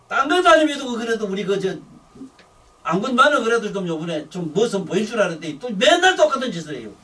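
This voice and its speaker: An older man with a thick Busan accent delivers a rambling sermon, blunt and scolding, with coarse language. His voice sits high and leaps around with lively swings in pitch. He is recorded from some distance from the mic. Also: fast talker. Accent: Gyeongsang (Busan). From Busan, South Korea. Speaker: Buddhist dharma teacher.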